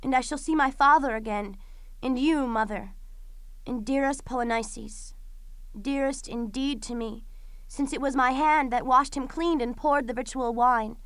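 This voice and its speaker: A doomed young tragic princess, acted by a woman, speaks in a high, smooth, resonant voice. She declaims her grief solemnly, with defiance, as in classical Greek drama. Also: unhurried, fairly bright tone, dry recording. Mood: mournful, defiant. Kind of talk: classical Greek tragedy audio performance.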